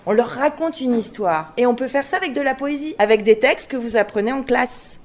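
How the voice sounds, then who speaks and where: A woman with a notably high voice leads a group of children through diction exercises. She is playful and demonstrative and keeps asking them questions. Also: lively intonation, brisk. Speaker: voice and diction workshop leader. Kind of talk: leading a diction workshop with children.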